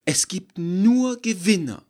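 A man reading an audiobook, voicing an excited, effusive female advertising executive. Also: sits high, takes it slowly, voice pushed up. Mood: gushing.

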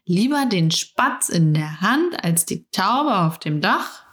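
A middle-aged woman speaking as a coach in a reflective monologue, talking softly and intimately and addressing the listener directly. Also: medium pitch, big pitch swings, takes it slowly.

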